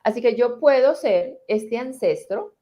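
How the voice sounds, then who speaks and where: Calm, deliberate woman therapist. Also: a little high. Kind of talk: conversational explanation with guided healing exercise.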